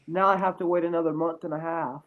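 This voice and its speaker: A man's voice: on the high side, flat delivery, fast, narrow, tinny audio. A young man who is sick, chatting casually as a podcast co-host. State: sick with a cold or similar illness.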